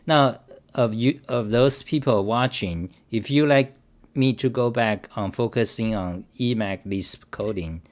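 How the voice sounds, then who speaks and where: Medium-pitched and unhurried, this man runs his own livestream and riffs on code without a script. He answers viewers and reads their chat aloud, his talk full of restarts and emphatic, defensive repetition.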